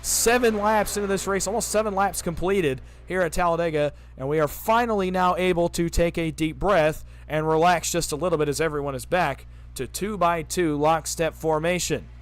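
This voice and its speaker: A man calling a race as the play-by-play announcer, rattling off positions quickly and building excitement on big moments. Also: a little high. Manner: rapid-fire, auctioneer-like calling when the pack is close. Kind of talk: sim racing play-by-play commentary.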